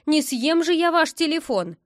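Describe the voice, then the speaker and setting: A woman's voice: high-pitched, lively intonation, a little slow, dry recording, clean studio sound, voice pushed up. A woman reading as an indignant woman neighbor. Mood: outraged.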